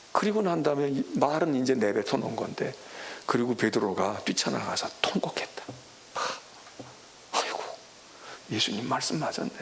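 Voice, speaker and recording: A middle-aged male pastor preaching a sermon who acts out biblical voices, switching between loud exclamations and hushed whispers. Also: mid-range voice, creaky, slight background noise. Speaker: senior pastor. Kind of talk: expository sermon.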